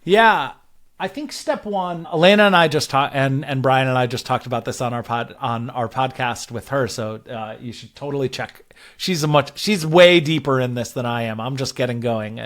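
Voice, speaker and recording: A podcast guest who works as a growth advisor explains his advice in a casual yet structured way, sprinkling in conversational fillers. His voice is medium in pitch and fairly bright, and he talks at a normal pace.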